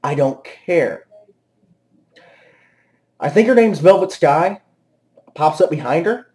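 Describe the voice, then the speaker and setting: A man rants through a wrestling show review, exasperated and swearing freely. His voice sits high for a man, and the sarcasm comes through. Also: expressive, slow, a little mellow. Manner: exasperated and profane. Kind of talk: angry ranting commentary.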